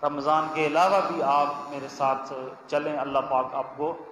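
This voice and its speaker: A man with a Punjabi accent preaching a sermon, chanting Arabic verses slowly and then explaining them with emphatic repetition. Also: a little high, level tone, a bit bright. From Pakistan, Punjab. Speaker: religious scholar giving a weekly lesson. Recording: echoey hall with long reverb, faint ambience.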